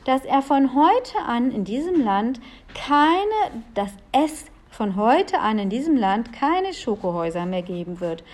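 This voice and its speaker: A woman's voice: a little high, big pitch swings, unhurried. A woman voicing a shy young prince in a children's story, speaking earnestly.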